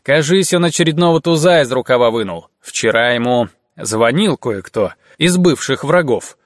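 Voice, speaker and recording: A man's voice: medium pitch, lively intonation, normal speed, no room sound, clean studio sound, close to an everyday voice. A man reading an audiobook and voicing a brash, jolly male driver who talks in cheerful slang.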